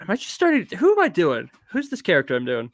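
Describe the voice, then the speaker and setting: Drunk guy on a chill stream, swearing and hyped, slightly high voice that jumps around. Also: quick pace, no room sound. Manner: excitable, swears a lot. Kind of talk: casual livestream chat.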